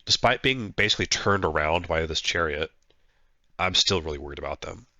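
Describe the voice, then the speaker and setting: A man recovering from the flu, his nose stuffed up, gives casual commentary on his own tabletop battle, hesitant and full of fillers as he thinks out loud. The nasal voice is low, expressive, pushed, and bright, moving fairly quickly. There is no room sound.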